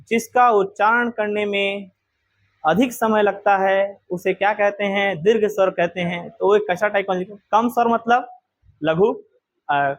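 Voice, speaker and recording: A man teaching a grammar lesson to a class, quizzing students with repeated questions. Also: high-pitched.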